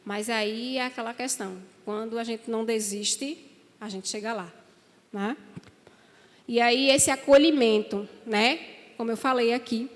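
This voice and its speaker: High-voiced woman in a reverberant church hall. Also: steady tone, a little slow. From Brazil. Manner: warm, conversational, frequent "né?" asides to the audience. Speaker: guest speaker at a church. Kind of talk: talk to a church audience.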